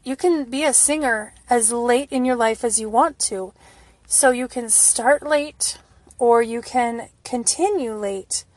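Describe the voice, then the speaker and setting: Higher-voiced woman chatting casually on a podcast. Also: a little mellow, dry recording. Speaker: podcast host. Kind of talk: casual solo podcast chat. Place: at home, recorded in a stairwell for the introduction.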